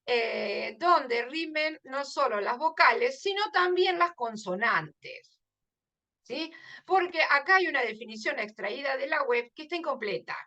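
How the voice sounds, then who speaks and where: A woman's voice: high-pitched, lively intonation, a little slow, sharp tone. A woman explaining a literature lesson, emphatic and often checking in with her listeners. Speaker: literature teacher.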